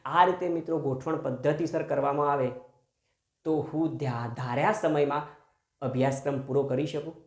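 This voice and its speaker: Earnest male teacher in an echoey room. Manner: earnest and emphatic, often addresses listeners as friends; sweeping pitch, from soft low asides to high stressed points. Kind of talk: video grammar lesson.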